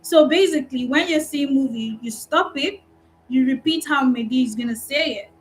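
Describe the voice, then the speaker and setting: A woman with a Nigerian accent, a customer support recruiter giving an animated, encouraging talk in a live online training session. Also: sits high, normal speed, low-quality recording.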